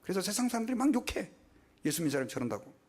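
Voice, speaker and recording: A man's voice: high voice, big pitch swings, racing, darkish tone. A middle-aged male pastor preaching a sermon in a conversational way, asking the congregation questions and acting out quotes.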